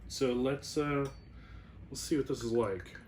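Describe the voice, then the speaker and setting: Against a noisy background, a man with a mid-range voice talks a little slowly through a wine review. He rambles informally like an explainer and often corrects himself mid-thought.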